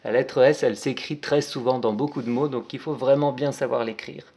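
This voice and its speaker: A man's voice: mid-range voice, steady tone, a little fast, darkish tone, husky. A man teaching young children to write, spelling out each letter and stroke step by step in a patient, careful way. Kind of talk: handwriting lesson for young children.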